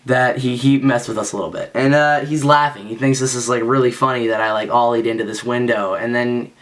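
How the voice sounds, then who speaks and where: Young guy, casual storyteller, rambling and self-deprecating, mid-pitched voice. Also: steady tone, fairly quick, fairly bright tone. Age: young adult. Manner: rambling and self-mocking, with frequent fillers. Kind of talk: casual spoken anecdote.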